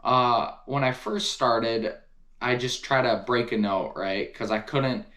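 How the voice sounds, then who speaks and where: A man's voice: mid-range voice, steady tone, slow, pushed and bright. A man talking casually to camera as he reviews hunting gear, enthusiastic and repeating words for emphasis.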